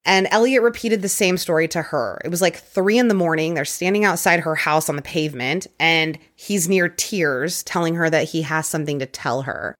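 A woman hosting a podcast, casually recounting a true-crime case with quick conversational asides. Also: deep voice. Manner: conversational, quick asides, occasional put-on quotes. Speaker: podcast host telling a case.

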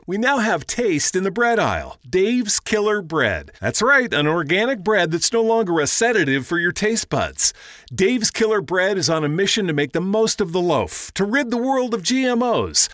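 A man reads an ad styled as a supermarket announcement. His voice sits high and swings widely, with a punchy, upbeat sales delivery. The sound is dry and close. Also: fairly bright tone, dry recording. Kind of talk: mock supermarket announcement ad read.

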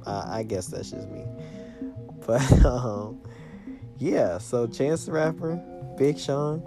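Slangy young guy with creaky voice. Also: mid-range voice, animated, slow. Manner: slangy, loose bro talk. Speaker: podcast host. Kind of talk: casual solo podcast chat. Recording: music playing behind the voice.

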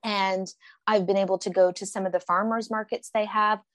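Animated woman from Oklahoma telling stories. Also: medium pitch, normal speed, dry recording. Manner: animated storyteller, acts out quotes. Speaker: guest. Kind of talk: casual podcast chat.

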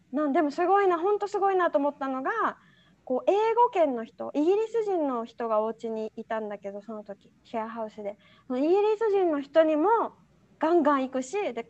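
A young woman with a high voice chats casually as a podcast co-host, telling animated stories and laughing often. The sound is dull and lo-fi. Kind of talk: casual chat.

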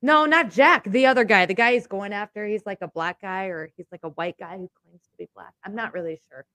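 A woman co-hosting a casual political chat, sarcastic and animated, swearing freely. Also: medium pitch, brisk, no echo, studio quality. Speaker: podcast co-host.

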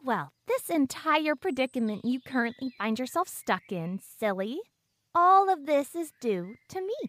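A woman's voice: high voice, very animated, unhurried, a bit bright, full character voice. A woman playing a pompous, coldly menacing fourteen-year-old girl who speaks in an overly formal, wordy and condescending way. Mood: smug, menacing. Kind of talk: audio drama acting.

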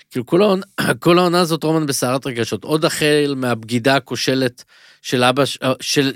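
Animated rambling man in dry studio. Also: medium pitch, dry recording. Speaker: podcast co-host. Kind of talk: casual TV-recap podcast chat.

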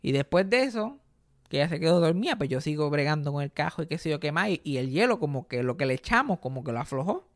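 A man's voice: on the high side, fast, dry recording, studio quality. A young Puerto Rican man with a Puerto Rican Spanish accent, a comedian co-hosting a casual podcast, telling stories animatedly and mixing English words into his Spanish. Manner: animated storyteller, mixes English words into Spanish, acts out quoted voices.

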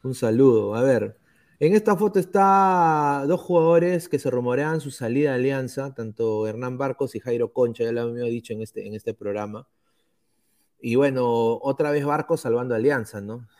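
A man from Peru hosts a football podcast in Peruvian Spanish, chatting casually with many fillers and restarts and reading sponsor plugs. His mid-range voice has a darkish tone and moves at normal speed.

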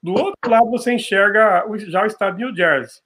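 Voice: medium pitch, brisk, a bit bright. An interviewer in a conversational interview, asking short follow-up questions and explaining context for viewers.

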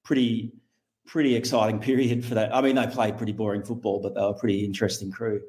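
Podcast guest: middle-aged Australian man, lowish voice, casual, rambling, self-correcting. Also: flat delivery, fast talker, darkish tone. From Western Australia. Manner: rambling, self-correcting, thinks aloud with frequent hesitations. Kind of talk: casual conversational interview.

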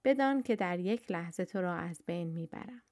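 A woman voicing an arrogant, boastful male enemy champion in a told story, read in a low, quiet voice. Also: lively intonation, no room sound, clean studio sound. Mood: sneering.

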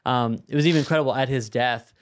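A man co-hosting a podcast, telling stories in a casual, animated way. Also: medium pitch, quick pace. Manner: animated storyteller, chuckles through anecdotes. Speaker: podcast co-host.

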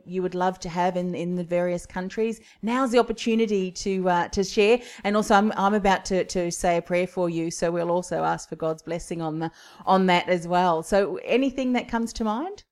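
A woman's voice: mid-range voice, darkish tone. Encouraging woman hosting an interview. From Australia. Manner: encouraging, long flowing questions. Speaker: podcast host.

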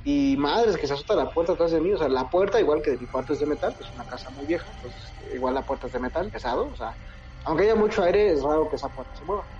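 A man's voice: a little high, fast, lo-fi sound. A man with a Mexican Spanish accent casually telling a ghost story, slangy and full of swearing, acting out his own past lines. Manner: slangy, swearing, animated retelling with self-quotes.

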